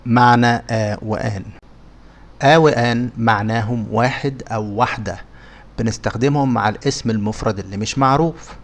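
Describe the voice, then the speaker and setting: A man with an Egyptian Arabic accent, teaching English words in a scripted lesson and pronouncing each example slowly and carefully. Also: mid-range voice.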